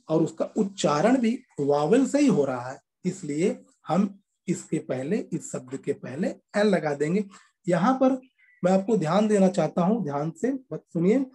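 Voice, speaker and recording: A male teacher, walking young students through a grammar lesson. His voice is mellow and a bit husky, and he drags out key words and repeats them patiently. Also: sits high. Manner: explains slowly and repeats words, calls students children.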